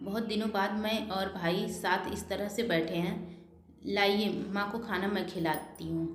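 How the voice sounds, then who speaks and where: A woman's voice: medium pitch, steady tone, measured pace, close to an everyday voice. A woman voicing a caring grown daughter who speaks earnestly and firmly, with a reproachful edge, recorded in an echoey room. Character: caring grown daughter, firm but polite.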